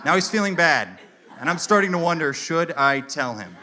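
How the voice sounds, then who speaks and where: A young man doing a stand-up comedy set on stage, telling a story with animated delivery and deadpan asides. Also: on the high side, normal speed, slight background noise. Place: comedy stage before a live audience. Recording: live show with loud audience laughter.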